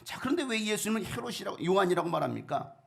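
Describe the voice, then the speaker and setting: A middle-aged pastor with a high, gravelly voice preaches quickly and with animation. He asks the congregation questions and performs the voices of characters in his story.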